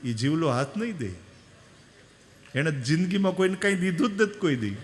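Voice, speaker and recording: A man's voice: fairly high pitch, animated, normal speed, a little hiss or hum, close to an everyday voice. A man voicing a shrewd old village man who gives wry, knowing advice. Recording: long echo of a large hall.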